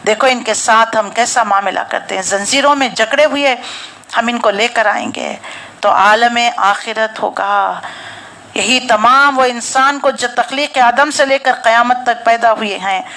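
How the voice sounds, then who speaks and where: A middle-aged woman lectures on Quran tafsir as a teacher. Her voice sits a little high. She tells stories in an animated way and keeps asking rhetorical questions. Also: a little slow.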